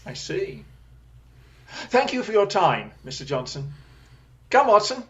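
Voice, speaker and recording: A man playing Sherlock Holmes in a radio play, a brisk, confident detective who speaks in an incisive, theatrical way. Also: high-pitched, sing-song, a bit bright, muffled recording, full character voice. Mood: brisk, pensive.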